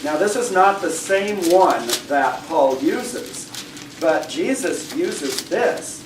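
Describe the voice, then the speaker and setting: Slightly high-voiced, hoarse male Bible teacher, conversational and questioning; distant mic in an echoey church room. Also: lively intonation, slow pace. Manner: conversational, asks the class questions, clears throat often. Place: church classroom. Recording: echoey room, far mic, faint hiss.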